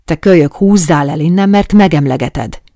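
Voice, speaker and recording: A woman voicing a grumbling, short-tempered grown man in an audiobook, speaking loudly and snappishly. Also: deep voice, animated, dry recording, studio quality. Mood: angry. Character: gruff grown man fixing a plane, irritable. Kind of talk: audiobook character voice.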